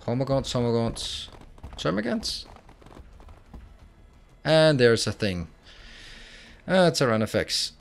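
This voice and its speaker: Casting: male gamer, mid-pitched, offhand walkthrough commentary, thinking out loud. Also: sing-song, slow, vocal fry, long pauses. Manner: thinking aloud, muttering. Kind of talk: casual let's play commentary.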